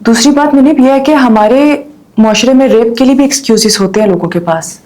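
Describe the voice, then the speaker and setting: Female guest, earnest and indignant, warm voice pitched a little high. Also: a little fast. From Pakistan. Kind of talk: podcast discussion.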